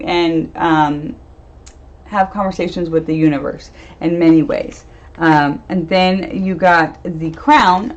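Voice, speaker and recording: A woman doing a casual live-stream tarot reading, chatty, laughing often and trailing off into fillers. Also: on the low side. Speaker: medium and tarot reader. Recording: dull lo-fi stream audio.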